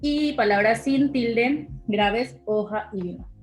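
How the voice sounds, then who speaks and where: A woman's voice: a little high, takes it slowly. A young woman giving a class presentation, hesitant, with many fillers. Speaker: student presenter. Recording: echoey room with faint music.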